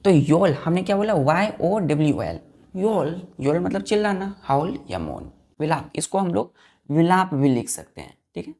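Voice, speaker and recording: A woman teacher with a lowish, gravelly voice runs a vocabulary lesson for her students. She spells each word out letter by letter, asks a question and answers it herself. Her delivery is slow and repetitive. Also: sing-song, dark tone.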